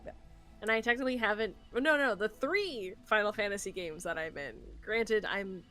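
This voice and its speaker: A woman's voice: medium pitch, animated, moderate pace, pushed and bright, soft background music. A woman voice actor co-hosting a game stream, chatting in a bubbly and playful way. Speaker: co-host and voice actor. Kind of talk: casual chat on a game stream.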